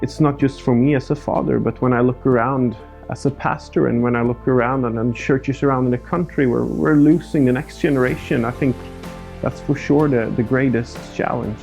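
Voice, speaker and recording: A pastor and church planter in his thirties from the Swedish countryside speaks earnestly in a personal documentary interview, a native Swede with a Swedish accent. His mid-range voice is creaky and a little mellow, fairly even and moderately paced, over soft background music.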